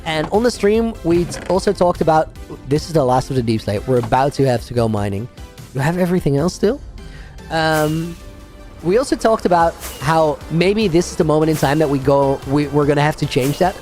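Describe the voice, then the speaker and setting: A man's voice: a little high, expressive, fairly quick, a little mellow, faint music behind. A man streaming a game, chatting casually with viewers, rambling and laughing often while reading out names. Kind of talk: casual livestream chat while playing a game.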